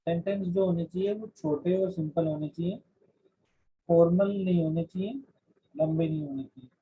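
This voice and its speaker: A man's voice: fairly high pitch, normal speed, slight background noise. A man teaching a class, explaining in Hindi mixed with English terms and often restarting his sentences. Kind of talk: classroom lecture. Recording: dull lo-fi recording.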